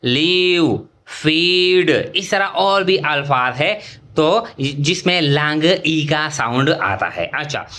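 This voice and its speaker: A middle-aged man teaching shorthand step by step, drawing out example words and pausing with fillers as he writes. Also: fairly high pitch, lively intonation, pushed and bright. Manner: drawn-out example words, thinking aloud with fillers. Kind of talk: slow whiteboard-style lesson.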